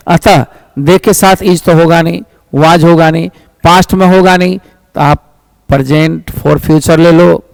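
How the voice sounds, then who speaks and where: A man teaches English grammar for exams, his voice sitting high. He reads each example sentence out slowly and carefully, then rushes through the explanation. The sound is close and dry, with no room around it. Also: vocal fry, no room sound, poor audio. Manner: addresses students as "my child". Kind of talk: exam-prep grammar lesson.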